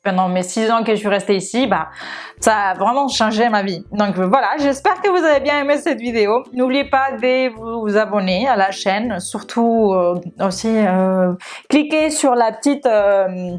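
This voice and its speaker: A woman's voice: a little high, moderate pace. A young Spanish woman speaking French with a Spanish accent, chatting casually to camera in her vlog with many fillers. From Spain. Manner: chatty, many fillers and restarts, laughs often. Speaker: makeup YouTuber.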